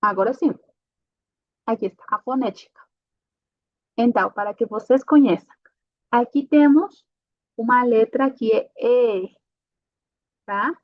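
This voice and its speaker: A woman's voice: a little high, dry recording, muffled recording. A woman teaching a pronunciation lesson. She explains step by step and checks in with her learners after each point. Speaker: language teacher.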